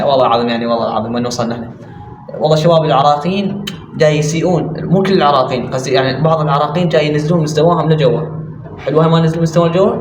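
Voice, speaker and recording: A man's voice: a little high, noisy background. A man with an Iraqi accent giving mocking, sarcastic reaction commentary. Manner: mocking, sarcastic, rapid-fire ranting. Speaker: commentary YouTuber. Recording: roomy, distant mic, music behind.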